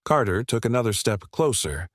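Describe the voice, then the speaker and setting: Low-voiced man narrating a dramatic story. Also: moderate pace, no echo, studio quality. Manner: steady, dramatic, even reading.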